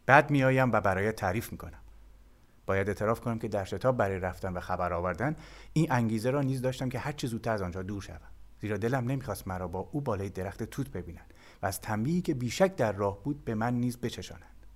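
A man reading a translated novel aloud as an audiobook narrator, calm and measured. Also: on the low side.

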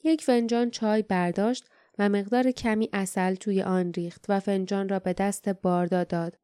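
A woman narrating a fantasy audiobook in a steady, even storytelling manner. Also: medium pitch, clean tone, dry recording, studio quality.

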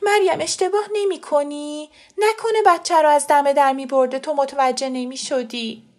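A woman reader voicing a middle-aged aunt who is tearful and defensive, with a shrill pleading manner. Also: fairly even intonation, darkish tone, lightly acted. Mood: upset pleading.

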